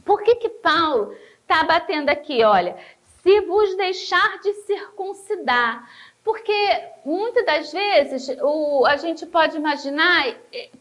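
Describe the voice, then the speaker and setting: A woman with a Brazilian Portuguese accent teaching a church Bible lesson, emphatic, slowing down to stress key words and addressing listeners as brothers. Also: very high voice, lively intonation, a bit bright.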